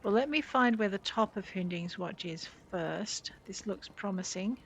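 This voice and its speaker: Chatty woman gamer with a creaky voice. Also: medium pitch, normal speed, a little hiss or hum. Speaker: gaming video host playing in character. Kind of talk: playful game commentary, talking to self.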